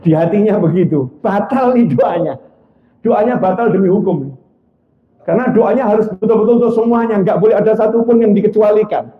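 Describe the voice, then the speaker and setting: A man preaching to a congregation in a high, animated voice, jumping from loud exclamations to soft low asides. He acts out the voices of the people in his stories. The recording is echoey and dull. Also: a little fast. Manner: acts out quoted voices in dialogue. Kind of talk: sermon. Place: mosque or hall before a congregation. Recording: echoey room, dull lo-fi sound.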